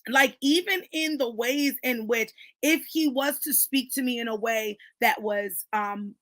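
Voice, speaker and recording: A woman's voice: a little high, measured pace, a bit bright, no echo. A woman in casual, emphatic conversation about faith at a book club, talking with lots of fillers.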